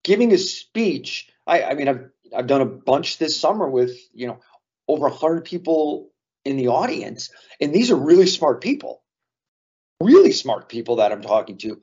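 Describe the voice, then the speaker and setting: Husky-voiced man on a podcast. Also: a little high, sing-song, normal speed, darkish tone, highs cut off. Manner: earnest, drawing lessons from sports memories. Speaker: podcast co-host. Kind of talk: casual podcast chat.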